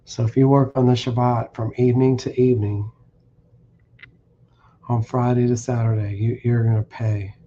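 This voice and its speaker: Guy preaching hard on a stream, warm low-key tone, bit muffled audio. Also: level tone, normal speed, pauses often, a little hiss or hum. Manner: blunt, warning, reads verses aloud with restarts. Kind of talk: streamed scripture teaching. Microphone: streaming setup.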